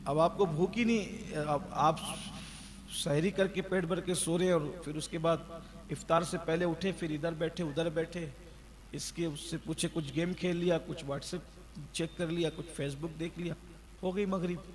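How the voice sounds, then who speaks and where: Man, preacher, high voice, exhorting sermon, long hall reverb. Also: steady tone, a crowd in the background. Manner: exhorting, rhetorical questions, chants the creed slowly. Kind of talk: Ramadan sermon.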